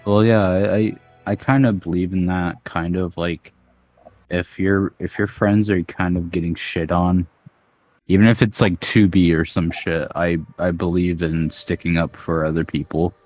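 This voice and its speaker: A man's voice: low-pitched, flat delivery, unhurried, a little mellow, faint music behind. A young man hosting a podcast in casual chat, talking crudely and rambling with lots of fillers. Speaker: podcast host.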